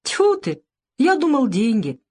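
A woman's voice: fairly low pitch, sing-song, normal speed, husky. A woman voicing a mocking teenage boy who bullies the younger orphans, speaking with a sneer.

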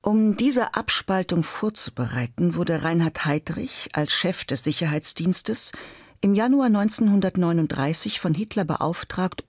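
A woman's voice: lowish voice, slightly rough, no echo, clean studio sound. A woman reading scripted historical documentary narration.

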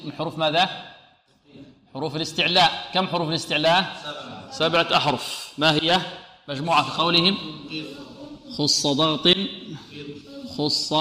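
A man's voice: a little high, pushed and bright. Man teaching recitation in an echoey room. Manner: asks questions and answers them himself, drills sounds slowly. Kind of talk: tajweed lesson with recited examples.

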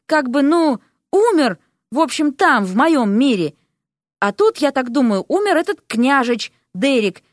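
A woman's voice: sits high, dry recording, clean studio sound, pitched above the performer's own voice. A woman voicing a young man, a reluctant prince who is weary and evasive, pleading and rambling as he explains.

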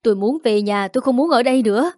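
A woman's voice: on the high side, fast talker, darkish tone, no room sound, clean studio sound, lightly acted. Woman voicing a hurt, defiant young wife. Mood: distraught. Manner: distraught, cold, defiant.

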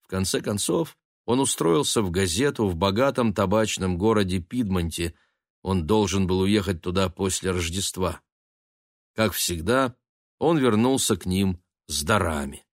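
A man narrating an audiobook in a measured, expressive storytelling manner. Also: low voice, no room sound, studio quality.

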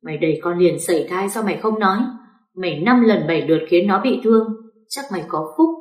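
A woman's voice: fairly low pitch, expressive, quick pace, close to an everyday voice. A spiteful, bitter older sister-in-law, voiced by a woman narrator, sneering and venomous. The reading sits in an echoey room.

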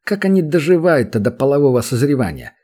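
Husky guy narrating a fantasy audiobook, steady, mid pitch. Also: fast.

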